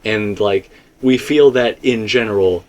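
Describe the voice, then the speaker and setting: A man co-hosts a loose, unscripted video game theory discussion, meandering conversationally and hedging his points often. He speaks unhurriedly in a lowish, somewhat dark voice.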